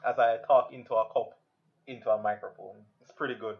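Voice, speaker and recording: A man co-hosting a casual podcast speaks into a cup held to the microphone, which muffles his voice, and jokes in a deadpan grumble. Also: medium pitch, a little fast, vocal fry. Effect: talking into a cup held to the mic, muffled. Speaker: podcast co-host.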